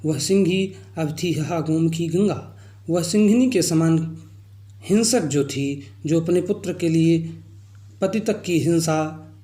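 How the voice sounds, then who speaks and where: A man's voice: on the high side, slow, mellow. A male teacher who recites lines of a poem and then explains each one in plain words. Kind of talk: explaining a Hindi poem line by line. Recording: echoey room.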